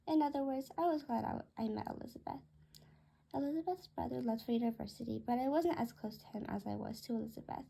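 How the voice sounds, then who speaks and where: High, gravelly woman reading a story. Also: quick pace, dark tone. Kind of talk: children's story read aloud in first person.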